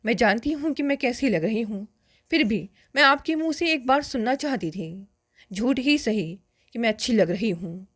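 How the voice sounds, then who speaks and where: A woman reading a story aloud and voicing a dreamy, carefree young woman in love, soft, slow and wistful. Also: a little high, lively intonation, dry recording, studio quality. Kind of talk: first-person story narration.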